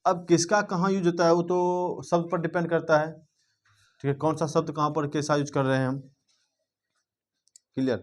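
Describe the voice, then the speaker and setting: A man's voice: on the high side, flat delivery, normal speed, long pauses. A man teaching a grammar lesson to students, asking them questions and checking in again and again with the class.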